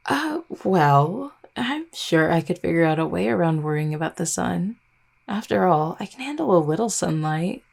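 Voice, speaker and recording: Playing a loving, teasing vampire girlfriend in intimate roleplay audio, a woman talks in a tender, conversational, doting way. Her voice is on the low side, gravelly and darkish, lively in delivery, at a normal speed.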